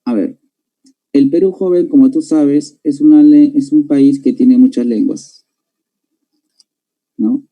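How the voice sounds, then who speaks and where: A man's voice: medium pitch, fairly even intonation, slow pace, long pauses, narrow, tinny audio. A male language teacher with a Peruvian Spanish accent, lecturing a class in an explanatory way and checking in with students through tag questions. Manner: explanatory, tags sentences with "¿no?" and addresses students directly.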